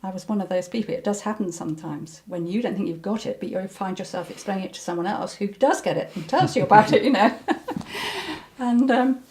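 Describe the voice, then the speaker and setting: An older woman with a soft, mellow voice recalls her past in an unhurried interview. She hesitates often, restarts her sentences and fills the gaps with ums. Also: mid-range voice. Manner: hesitant, many ums and restarts, breaks into laughter. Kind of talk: reflective personal recollection.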